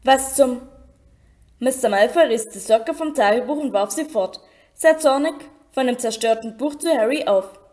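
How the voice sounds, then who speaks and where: A woman's voice: fairly high pitch, lively intonation, moderate pace, a little mellow. Woman reading a children's novel aloud. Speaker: audiobook reader. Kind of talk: storybook narration.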